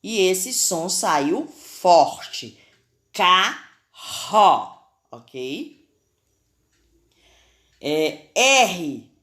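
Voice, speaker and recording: A woman's voice: lowish voice, big pitch swings, drawn-out words, long pauses. A woman teacher with a Brazilian Portuguese accent, giving a recorded spelling lesson to children and carefully sounding out letters and syllables.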